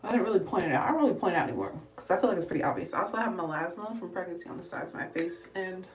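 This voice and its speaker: A woman's voice: lowish voice, animated, racing, slight background noise. A young adult woman chatting casually through a makeup tutorial, talking to viewers as y'all and sounding out of breath. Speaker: beauty livestreamer. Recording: echoey room, voice slightly distant.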